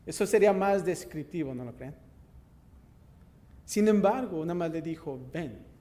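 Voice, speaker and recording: Preaching and reading scripture in a church sanctuary, a male pastor speaks in a high, expressive voice at a moderate pace, with a long reverb tail trailing his words. His volume swells and then drops soft, and he throws rhetorical questions at the congregation.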